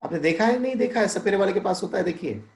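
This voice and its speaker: A man teaching a recorded Hindi lesson to young children, drawing out each word slowly, glossing meanings in English and calling his pupils "beta". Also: high voice, lively intonation, gravelly, a little mellow. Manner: slow, drawn-out word-by-word pronunciation, explaining meanings with English glosses; addresses pupils as "beta", asks frequent checking questions. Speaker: primary school teacher. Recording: echoey room.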